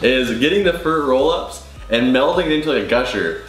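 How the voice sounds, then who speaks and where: Echoey young man excited while eating sour candy. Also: mid-range voice, fairly quick. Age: 20s. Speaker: host of a food challenge vlog. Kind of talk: casual vlog chat to camera. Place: living room, indoors. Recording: echoey living room with music behind.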